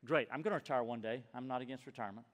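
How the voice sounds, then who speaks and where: Older pastor preaching with hall echo. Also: male voice, mid-range voice, very fast. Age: 60s. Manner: emphatic, swings from loud urging to hushed near-whisper. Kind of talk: sermon. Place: church sanctuary. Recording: long reverb of a church hall.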